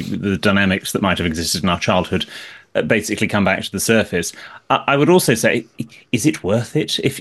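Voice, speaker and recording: A man's voice: lowish voice, fairly bright tone. A man with prim, precise enunciation, giving etiquette advice as a guest coach in a conversation.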